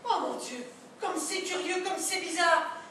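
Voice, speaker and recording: A prim, overly courteous wife, played by a woman in a live absurdist play, speaking in measured, ceremonious tones. Her voice is very high and bright and moves slowly. It is heard from far off on a reverberant stage. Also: slight background noise, exaggerated voice. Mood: prim politeness. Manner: formal, measured, ceremonious politeness. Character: prim, overly polite middle-class wife. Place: theatre stage. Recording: echoey stage sound from a distant mic.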